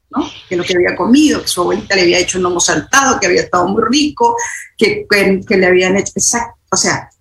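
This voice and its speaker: A woman's voice: fairly low pitch, creaky, rough recording. A middle-aged woman journalist telling a personal story in an interview, hesitant, with many fillers and restarts.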